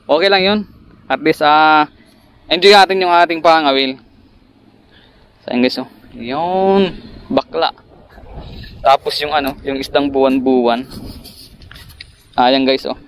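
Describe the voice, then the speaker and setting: A man vlogging while fishing outdoors, chatting to viewers and breaking into excited bursts at each bite. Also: on the high side, slow, long pauses, smooth. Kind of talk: casual fishing vlog narration. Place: outdoors by the water, rural.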